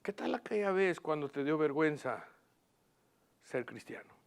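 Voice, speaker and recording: Man, pastor, high-pitched, preaching, lively, questions the congregation, mixes in English. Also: normal speed, vocal fry. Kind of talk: sermon. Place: church platform.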